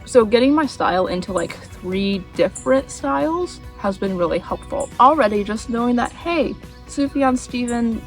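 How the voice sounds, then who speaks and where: A young woman talks to her viewers in a casual, chatty vlog style. She speaks at a middling pitch with a lisp from dental aligners. Faint music plays behind her informal narration. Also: far from the mic. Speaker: style vlogger.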